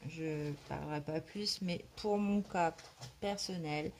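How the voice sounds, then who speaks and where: A craft vlogger colours in a book while chatting casually to her vlog, hesitant and rambling as she thinks aloud. Her voice is deep and darkish, with a slight smoker's cough, and there's a little background noise.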